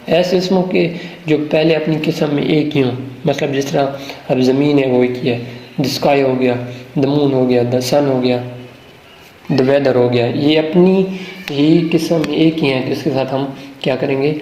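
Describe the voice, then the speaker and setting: A man's voice: medium pitch, steady tone, warm tone, slight background noise. A man teaching English grammar in Urdu, who asks questions and answers them himself. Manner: explains, then poses questions to the viewer and answers them himself; reads English example sentences slowly and deliberately. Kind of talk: classroom-style grammar lesson. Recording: roomy, echoey room.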